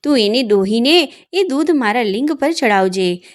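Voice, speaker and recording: A woman's voice: fairly high pitch, lively intonation, normal speed, close to an everyday voice. A woman voicing the god Shiva, male, wise and commanding, in a devotional tale, speaking with authority as he instructs.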